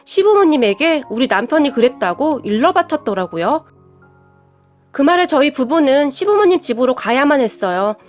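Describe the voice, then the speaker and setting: 높고 생기 있는 목소리의 여성 이야기꾼. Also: female voice, high-pitched, sing-song, moderate pace, soft background music. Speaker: storyteller. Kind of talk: first-person story narration.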